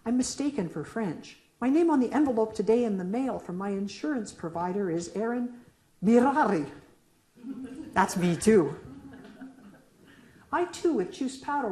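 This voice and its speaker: A medium-pitched, dark-toned woman's voice belongs to a middle-aged poet reading her own poems aloud at a reading. In an echoey lecture room she goes back and forth between a question-and-answer poem and casual comments between pieces.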